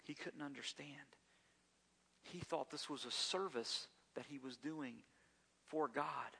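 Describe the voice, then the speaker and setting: A man's voice: a little high, slow pace, vocal fry, pushed and bright, husky. A man preaching a sermon, acting out voices and sometimes dropping to a whisper, with self-corrections along the way. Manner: acts out voices, drops to a whisper at times. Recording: long hall reverb.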